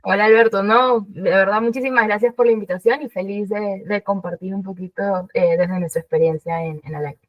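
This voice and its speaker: A woman's voice: mid-range voice, steady tone, fairly quick, hardly any pauses, no echo, recorded from a distance, highs cut off. A Peruvian woman with a Lima accent, chatting as an interview guest with frequent fillers and English business terms. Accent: Peruvian Spanish. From Peru. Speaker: guest, investment director. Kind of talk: casual interview.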